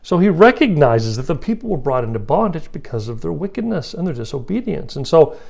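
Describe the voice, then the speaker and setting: A man's voice: fairly high pitch, very animated, brisk, gravelly, darkish tone. A man teaching a casual scripture lesson, retelling the story in a chatty way and slipping into playful voices for the people in it.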